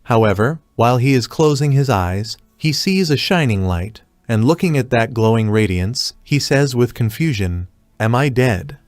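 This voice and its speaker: A man narrating a scripted story recap in an even, steady way. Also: mid-range voice, normal speed, hardly any pauses, no room sound.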